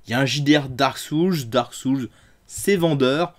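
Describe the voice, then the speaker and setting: A man's voice: medium pitch, measured pace. A man hosting a tabletop game review show, talking in a sarcastic, crude and theatrical monologue.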